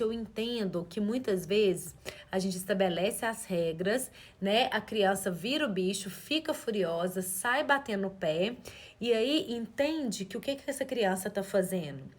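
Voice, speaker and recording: A woman, giving a live parenting talk in an earnest coaching way and asking rhetorical questions. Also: mid-range voice. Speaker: parenting educator.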